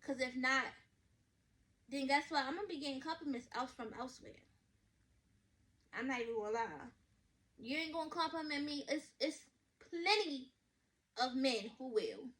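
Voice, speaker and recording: A woman, reacting to a story in blunt, sassy, animated casual commentary. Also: high-pitched, moderate pace, long pauses. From Baltimore, USA. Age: 20s. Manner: blunt, sassy, loud and animated with slang and swearing. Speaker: vlogger reacting to a reader's story.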